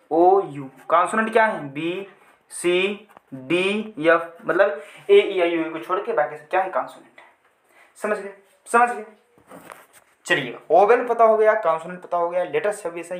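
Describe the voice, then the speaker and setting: A man's voice: high-pitched, fairly bright tone, roomy sound. A male teacher giving an English lesson in Hindi, repeating points and answering his own questions as he drills his viewers. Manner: addresses viewers as friends.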